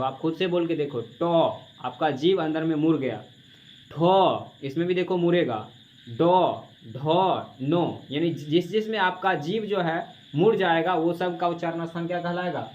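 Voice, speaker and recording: A man's voice: a little high, normal speed, few pauses, a little mellow. A male teacher giving a classroom grammar lesson, asking questions and answering them himself to drill the students, and addressing them as "babu". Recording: dull lo-fi classroom recording with faint hiss.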